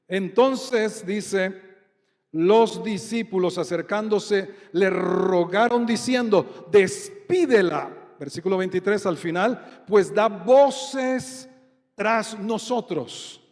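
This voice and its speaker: High-voiced Colombian pastor preaching in a hall. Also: male voice, slow pace, a little mellow. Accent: Colombian Spanish. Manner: preaching with rhetorical questions to the congregation. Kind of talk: sermon. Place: church hall. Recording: long hall reverb.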